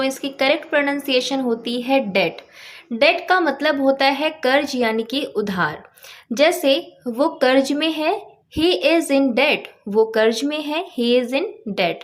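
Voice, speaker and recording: High-voiced Indian woman teaching English. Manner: explains patiently, spells words out slowly. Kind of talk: explaining lesson to viewers.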